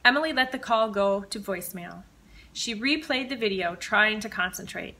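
A woman author reading her own mystery novel aloud with measured, expressive storytelling. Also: medium pitch, low-quality recording. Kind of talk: audiobook-style reading of fiction.

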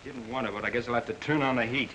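Guy doing tough wisecracking mob boss, screwball comedy banter, talks fast, forceful, hissy old movie. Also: mid-range voice, fairly even intonation, close to an everyday voice, low-quality recording. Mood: threatening. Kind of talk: 1940s gangster comedy film acting. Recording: hissy old 1940s film soundtrack.

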